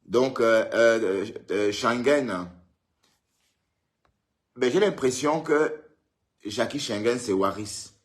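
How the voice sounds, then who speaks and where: Speaking slowly with long pauses in a medium-pitched voice, a man hosts an informal live stream indoors at home in Europe. He greets viewers by name and playfully teases them as he chats.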